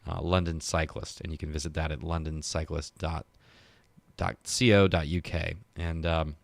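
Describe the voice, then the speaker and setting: A man's voice: a bass voice, little pitch movement, a little slow, creaky, no echo. A man hosting a podcast interview, upbeat and joking, with loose fillers. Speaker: podcast host. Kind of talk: casual interview intro.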